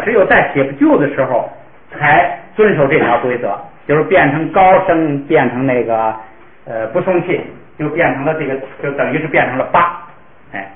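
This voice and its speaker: A man teaching a classroom pronunciation lesson, patiently modeling words slowly for the class to repeat. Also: on the high side. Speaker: language teacher. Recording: echoey room, tinny phone-like sound.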